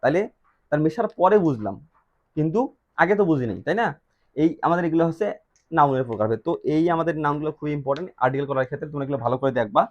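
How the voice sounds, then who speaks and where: A man's voice: fairly high pitch, very fast, darkish tone. Male Bangladeshi teacher, lo-fi. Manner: asks and answers his own questions. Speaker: English teacher. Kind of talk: classroom-style grammar lesson. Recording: dull lo-fi recording.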